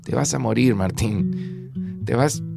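A man's voice: medium pitch, takes it slowly, vocal fry, over loud music. An actor playing a grieving young man with a Rioplatense Spanish accent, tense and sarcastic. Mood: bitter. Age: young adult. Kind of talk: audio drama acting.

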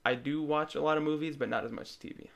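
A man's voice: fairly high pitch, steady tone, fast talker, vocal fry, a bit bright. A man chatting as a podcast guest in an easygoing, matter-of-fact way. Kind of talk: casual chat.

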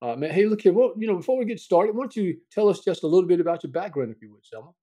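Male motivational podcast host, mellow rounded tone, slightly raised pitch, emphatic delivery. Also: sing-song, very fast, husky, highs cut off.

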